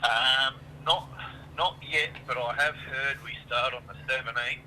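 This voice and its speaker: An Australian man calling in on speakerphone, explaining plans in a halting way and often repeating and restarting his words. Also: mid-range voice, fairly even intonation, pushed and bright, a little hiss or hum, low-quality recording. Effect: heard over a phone on speakerphone. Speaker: caller from a local football club. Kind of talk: casual phone chat.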